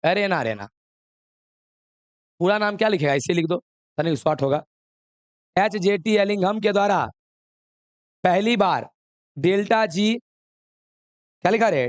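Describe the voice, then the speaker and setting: A man's voice: high-pitched, dry recording. A man teaching a chemistry class, coaxing and scolding students while mixing with English. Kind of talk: classroom lesson.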